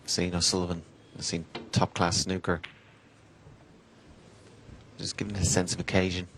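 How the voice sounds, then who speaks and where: A man's voice: low-pitched, flat delivery, normal speed, gravelly, a bit bright, low-quality recording. A man giving analytical snooker co-commentary in an understated, matter-of-fact manner. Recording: background noise and arena ambience.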